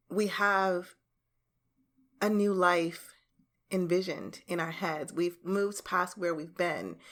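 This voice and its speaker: Earnest woman with a low voice. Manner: earnest, candid, slows down on key phrases. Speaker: motivational speaker. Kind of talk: personal reflective storytelling.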